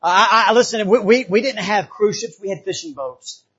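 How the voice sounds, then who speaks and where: A high, slightly husky voice with a fairly bright tone belongs to a fervent Bahamian preacher giving a church revival sermon at normal speed. He calls out amen frequently and repeats himself. The recording has a slightly dull sound.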